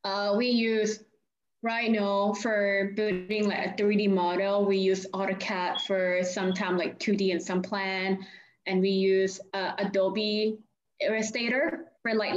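A young woman from Thailand, speaking English with a Thai accent as an interview guest. She talks casually and haltingly, restarting sentences and leaning on "like." The recording is echoey and a little muffled. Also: mid-range voice. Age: 20s. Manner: halting, many "like" fillers and restarts. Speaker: guest, architecture graduate student.

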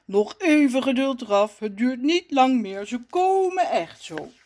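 A woman voicing a patient, gentle friend who reassures the others in a children's story. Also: high-pitched, expressive, unhurried. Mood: reassuring. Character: calm patient soothing friend.

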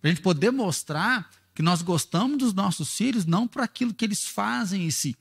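Speaking on parenting at church, a father explains earnestly in a conversational teaching style, often throwing out rhetorical questions. His high voice has lively intonation, vocal fry and a breathy edge, at normal speed in a spacious-sounding room.

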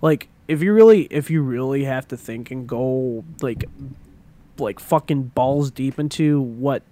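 A man's voice: mid-range voice, a little slow, warm tone. A man chatting casually as a podcast co-host, rambling with lots of fillers and swearing. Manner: rambling, with many fillers and profanity. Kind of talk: casual chat.

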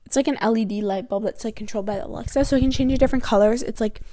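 A woman's voice: on the high side, racing, warm tone. A teenage girl rambling casually on her own podcast, full of fillers, recorded in her bedroom with a mic close to her chin. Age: teens. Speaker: podcast host. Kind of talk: casual solo podcast chat. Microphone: close mic near the chin.

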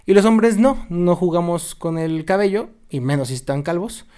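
A man's voice: high voice, moderate pace, clear, resonant tone. A man, chatting casually and jokily as a podcast co-host. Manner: lively, jokey, slangy. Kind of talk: casual chat.

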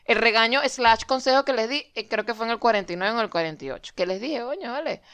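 A woman's voice: on the high side, quick pace, a bit bright, clean tone. Venezuelan woman co-hosting a chatty podcast. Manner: chatty, teasing, colloquial. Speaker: podcast co-host. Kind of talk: casual podcast chat.

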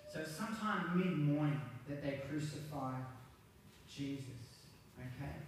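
Man preaching in an echoey hall. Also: a little high. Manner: conversational preaching with rhetorical questions. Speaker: pastor. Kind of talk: Good Friday sermon. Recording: very echoey hall, distant mic, faint noise.

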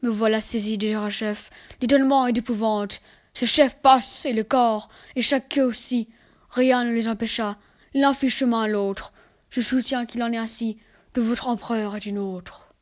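A woman voicing a sensible envoy who recounts a strange adventure in a calm, reasoned way. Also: fairly high pitch, moderate pace, lightly acted. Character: sensible old Turkish envoy telling a tale.

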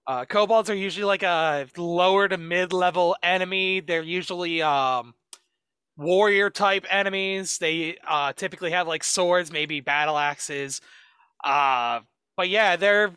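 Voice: mid-range voice, a bit bright, clean tone, no room sound. A podcast co-host in casual chat who rambles with lots of "like" and laughs easily. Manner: rambling, full of "like", quick to laugh.

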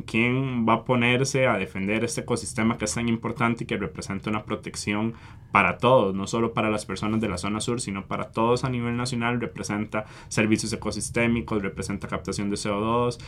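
A fairly low-voiced man speaking Spanish with a Costa Rican accent, answering questions as an activist guest. He talks earnestly and keeps stopping to fill gaps with hesitant sounds. A faint rumble sits under the recording. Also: a bit bright. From Costa Rica. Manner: earnest, hesitant with frequent fillers. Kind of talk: interview answers.

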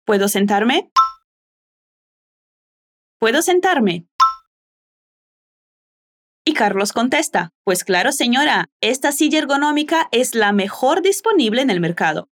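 With a high voice and animated, lively intonation, a female language teacher and host leads a repetition drill. She pronounces every phrase slowly and with care so listeners can copy it.

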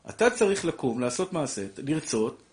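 A middle-aged man, a rabbi giving a lively Torah class who preaches through rhetorical questions and calls his listeners fondly. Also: on the high side. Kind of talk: animated Torah lecture.

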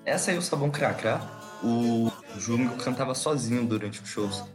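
A man's voice: mid-range voice, normal speed. Chatty man co-hosting a music podcast. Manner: relaxed, chatty, slangy. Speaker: podcast co-host. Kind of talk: casual chat.

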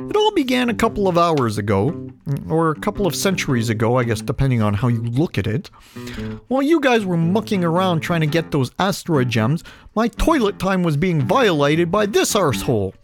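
A man's voice: on the high side, big pitch swings, normal speed, soft background music, voice pushed up. Man doing a glib, flippant young guy. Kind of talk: comic audiobook character voice.

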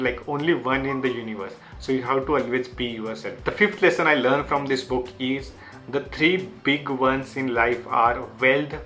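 A man's voice: medium pitch, sharp tone. A young man, a native Marathi speaker with an Indian accent, shares self-help lessons with viewers in earnest non-native English, using simple, repeated phrasing. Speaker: YouTube creator sharing book lessons.

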